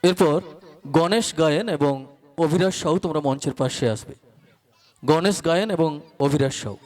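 A man's voice: fairly high pitch, moderate pace, a little mellow. A man emceeing a school function in a formal, poetic manner, quoting verse and calling performers to the stage.

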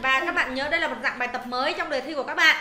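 A woman's voice: high voice, racing, reverberant, crowd noise. A woman English teacher, walking students through exam answers, repeating words and checking they follow. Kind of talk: exam answer walkthrough lesson.

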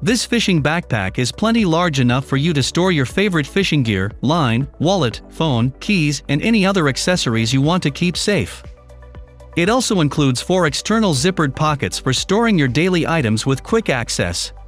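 A man reads a product buying guide as a scripted voice-over, with a fairly high, lively voice. He works through lists of features in a steady, advertising tone. Soft music plays under his voice. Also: normal speed. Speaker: product review narrator. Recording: faint background music under the voice.

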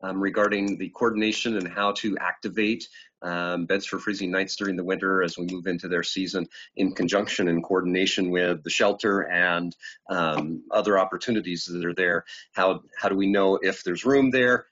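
Low husky man on a video call. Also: steady tone, fairly bright tone. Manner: halting, many ums and restarts. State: getting over an illness. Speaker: city manager. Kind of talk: giving a report at a council meeting. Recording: muffled video call audio.

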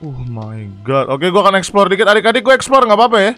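A young man casually commentating a horror game live, chatty and excitable, reading chat and yelling at scares. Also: high voice, quick pace, no room sound, faint music behind. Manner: excitable, chatty, reacts loudly to scares and reads chat aloud. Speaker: gaming streamer.

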